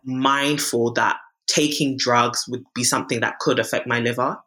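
A woman's voice: extremely low pitch, normal speed. A young woman in her twenties, candidly recounting a personal health story as a podcast guest, acting out the people she quotes. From Britain. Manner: candid, animated, acts out quoted voices.

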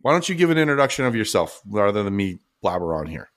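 A man's voice: on the low side, sing-song, fast, no echo, studio quality. A man hosting a podcast, casually introducing his guest with some fillers. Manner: warm, praising introduction with fillers. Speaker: podcast host.

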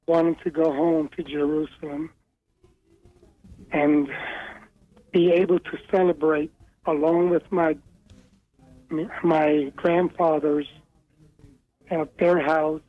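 A man speaking as a guest on a radio interview over a muffled phone line, holding the phone away from his mouth, recalling events in a halting, reflective way. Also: a little high, no room sound. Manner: halting, reflective, with many pauses and fillers. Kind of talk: recounting a memory in a radio interview.

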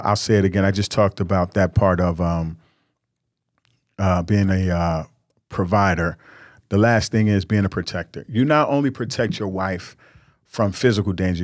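Earnest low-voiced man giving marriage advice. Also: no echo, studio quality. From New York. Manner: earnest, preachy and candid, with repeated emphatic words. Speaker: podcast host.

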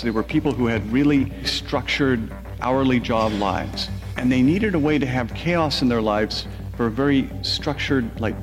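Guy author telling wry stories from his life, normal to lowish voice, music playing behind him. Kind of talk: anecdotal storytelling. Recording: music laid under the voice. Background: background music.

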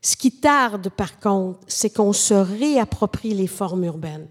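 Québécois lady prof explaining things slowly and carefully, bit of reverb on her. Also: mid-range voice, expressive. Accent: Québécois French. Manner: measured, professorial, explanatory. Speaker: urban planning professor, guest. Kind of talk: podcast conversation.

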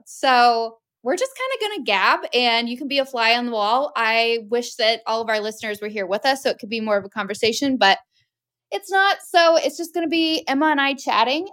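A woman's voice: a little high, a bit bright. A woman co-hosting a podcast, reading ads and chatting in an upbeat, smiling way. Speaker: podcast co-host. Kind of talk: casual podcast chat and ad reads.

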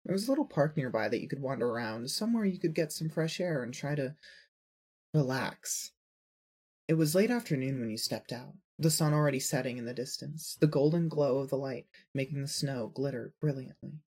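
A narrator with a husky, darkish, medium-pitched voice reads scripted second-person fiction a little fast. The storytelling is earnest and full of emotion.

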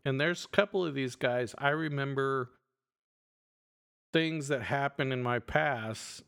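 A man's voice: medium pitch, unhurried, gravelly, smooth. A middle-aged man co-hosting a podcast, chatting in a loose, rambling way with plenty of fillers. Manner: relaxed, rambling, many fillers. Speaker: podcast co-host. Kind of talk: casual chat.

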